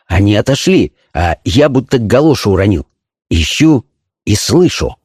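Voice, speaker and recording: A man voicing an eager young informant in a storybook reading, reporting what he has seen in a raised, excited voice. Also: lowish voice, moderate pace, slightly rough, dry recording, studio quality.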